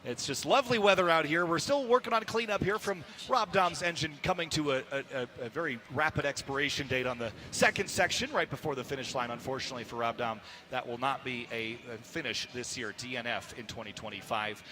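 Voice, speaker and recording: A man's voice: on the high side, fast, few pauses, sharp tone. A man hosting a live race broadcast outdoors, chatty and upbeat as he interviews guests. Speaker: host.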